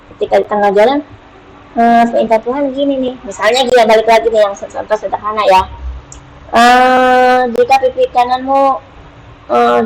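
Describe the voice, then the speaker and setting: A woman teaching an online Bible study in a casual, unhurried way, pausing often with hesitations and acting out prayers with lively emphasis. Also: a little high, slight background noise, low-quality recording.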